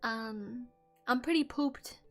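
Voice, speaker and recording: Cute anime streamer girl, young woman, high voice, bubbly n playful casual chat, music behind her. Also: slow. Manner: animated, playful, giggly. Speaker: streamer hosting a live debut stream. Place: indoors at a home computer setup.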